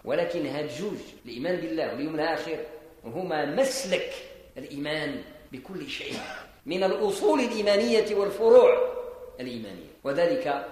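Moroccan preacher in a booming echoey hall. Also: male voice, expressive, quick pace, darkish tone. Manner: explanatory, mixing formal speech with dialect, emphatic rises. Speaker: Islamic preacher. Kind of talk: sermon explaining scripture. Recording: echoey hall with long reverb.

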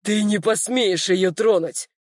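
Casting: reader doing an enraged, cornered man, yelling, raised pitch, dry booth sound. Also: slow, dry recording. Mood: desperate shouting. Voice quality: yelling, strained. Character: cornered furious man, defiant and shouting. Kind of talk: audiobook dialogue acting.

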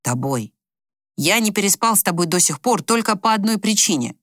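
A woman's voice: medium pitch, expressive, normal speed, fairly bright tone, no room sound. A woman reading an audiobook, voicing a dry-joking male doctor husband who talks to his wife steadily and reassuringly. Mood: tender, earnest. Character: wry, teasing male doctor husband, patient and calm.

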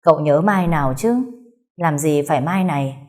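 A proud, sulky young wife, as a woman reader puts her on, snapping back with curt sarcasm. Her voice sits fairly low and even in a spoken storybook. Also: moderate pace, close to an everyday voice. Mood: sarcastic.

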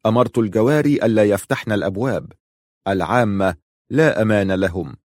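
A man reading an audiobook, slow, grave and mournful. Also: lowish voice, darkish tone, dry recording, clean studio sound. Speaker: narrator.

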